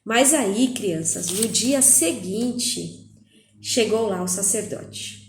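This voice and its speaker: A woman with a Brazilian Portuguese accent, a Sunday school teacher telling a Bible story to children in an animated, coaxing way. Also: medium pitch, takes it slowly, slight background noise. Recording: echoey room.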